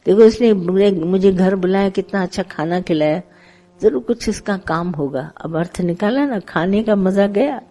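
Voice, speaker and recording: Mellow-voiced woman giving a spiritual talk. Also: mid-range voice, moderate pace. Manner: conversational, gently instructive, tells parables with acted dialogue. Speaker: spiritual teacher. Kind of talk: satsang sermon.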